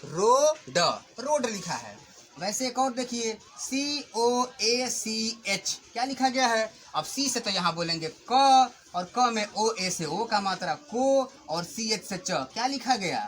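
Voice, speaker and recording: A man's voice: sits high, expressive, a little slow, fairly bright tone, slight background noise. A man teaching children English pronunciation in a patient classroom lesson, asking questions and stressing each example word.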